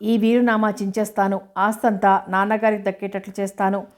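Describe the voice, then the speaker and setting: A woman's voice: medium pitch, flat delivery, fairly quick, close to an everyday voice. A woman reading an indignant young man. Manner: indignant, forceful. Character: angry young man defending his father.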